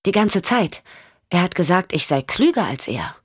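A woman's voice: on the low side, very animated, moderate pace, husky, studio quality, pitched above the performer's own voice. A woman voicing a withdrawn, odd young girl who gives blunt short answers and echoes words, for an audiobook.

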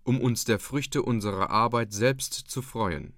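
A man's voice: medium pitch, unhurried, no room sound, studio quality. A man reading the part of an earnest young male dike-reeve who speaks steadily and reassuringly to his wife. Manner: warm, reassuring.

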